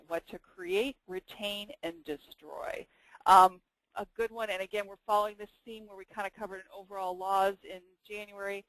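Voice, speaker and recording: A woman's voice: medium pitch, a bit bright, no echo, low-quality recording. A woman moderating a webinar and giving closing remarks, stumbling over her words.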